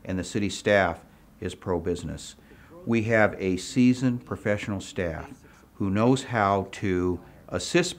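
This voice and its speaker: Official-sounding guy, low voice, very firm.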